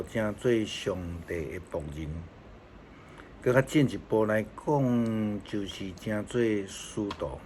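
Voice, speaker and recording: Slow, low-voiced Taiwanese Hokkien pastor. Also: male voice, a little hiss or hum. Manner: calm, measured storytelling. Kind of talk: Taiwanese Hokkien devotional sermon.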